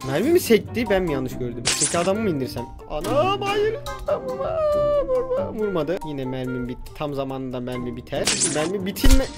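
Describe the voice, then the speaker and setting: A man giving jokey, excitable commentary while playing a video game, breaking into yelps and shouts. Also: a little high, fast talker, hardly any pauses. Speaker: gaming YouTuber. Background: game music.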